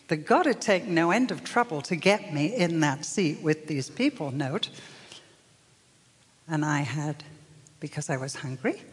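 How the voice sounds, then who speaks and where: A woman's voice: deep voice, breathy edge. An older woman telling a story in a sermon as a preacher, acting out the voices in it with lots of animation. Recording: long hall reverb.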